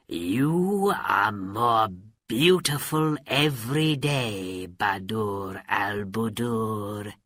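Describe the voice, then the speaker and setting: A man voicing a scheming, greedy male magician who speaks slowly and coaxingly in a storybook reading. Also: on the low side, fairly bright tone, no echo, clean studio sound, full character voice.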